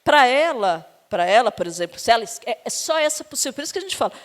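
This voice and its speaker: A woman's voice: a little high, quick pace. Brazilian woman lecturing in a reverberant hall. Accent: Brazilian Portuguese. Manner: animated storytelling, acts out quoted dialogue. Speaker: university lecturer in education. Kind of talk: academic lecture with personal anecdotes.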